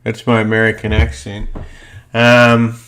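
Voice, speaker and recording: A man's voice: on the low side, monotone, a little slow, fairly bright tone, clean tone. A man presenting a loose, rambling walkthrough of market charts, often thinking aloud between points. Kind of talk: screen-share chart walkthrough.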